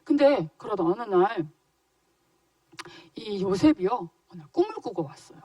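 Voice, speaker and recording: A woman tells a Bible story to small children in an animated, questioning way, her pitch sitting in a middle range. The sound is dry, and she stands a little back from the mic. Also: moderate pace, dry recording, recorded from a distance, dull audio. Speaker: children's ministry teacher.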